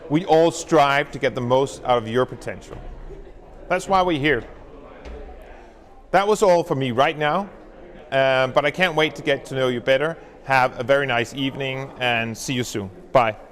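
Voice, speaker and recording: A man's voice: medium pitch, moderate pace, a bit bright. Male school principal, enthusiastic address, reverberant room. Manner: upbeat, enthusiastic promotional speech. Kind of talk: welcome address. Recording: long hall reverb.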